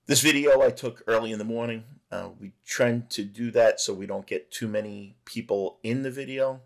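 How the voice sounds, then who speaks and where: A middle-aged man giving a relaxed, conversational voice-over narration for a cruise ship tour vlog. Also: on the low side, vocal fry. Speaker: travel vlogger.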